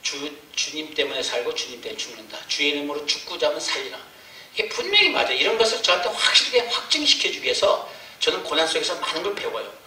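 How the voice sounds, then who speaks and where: A man's voice: fairly high pitch, very animated, quick pace, pushed and bright, distant mic, a little hiss or hum. Emotional man preaching in an echoey church. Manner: emotional storytelling, acting out his own prayers and cries. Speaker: missionary preacher. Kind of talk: sermon testimony. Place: church sanctuary.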